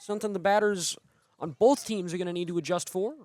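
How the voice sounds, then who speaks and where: A man calling the play-by-play of a game in steady, brisk sports commentary. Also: sits high, no echo. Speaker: play-by-play announcer.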